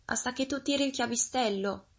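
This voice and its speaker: A woman's voice: high-pitched, brisk, breathy edge, voice pushed up. A woman voicing a frail old grandmother in bed in a fairy tale, speaking weak and thin. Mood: feeble.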